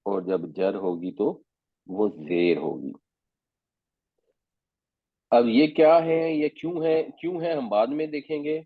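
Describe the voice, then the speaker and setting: A man's voice: fairly low pitch, breathy edge, dry recording. A man giving a Quran commentary and Arabic grammar lesson, explaining patiently and mixing English terms into his Urdu. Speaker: Quran teacher. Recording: dry, phone-like narrow sound.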